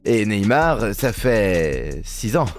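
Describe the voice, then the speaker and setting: A man's voice: fairly low pitch, very animated, extremely slow, over music. A man doing humorous scripted voice-over commentary, teasing and mock-indignant as he addresses viewers directly. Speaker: video host and narrator.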